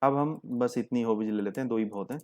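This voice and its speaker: A man's voice: medium pitch, quick pace, darkish tone. A young man, teaching a coding lesson step by step and mixing English terms into his Hindi. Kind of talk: screen-share coding tutorial.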